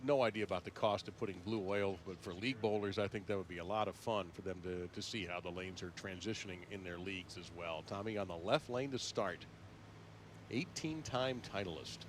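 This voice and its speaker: A man's voice: deep voice, a little fast, background noise. An American man giving live play-by-play sports commentary as the announcer.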